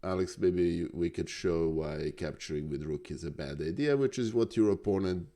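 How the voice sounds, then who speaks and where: Deep-voiced stream host. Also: male voice, normal speed, dark tone. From Serbia. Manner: friendly, greets viewers by name. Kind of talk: live-stream chat.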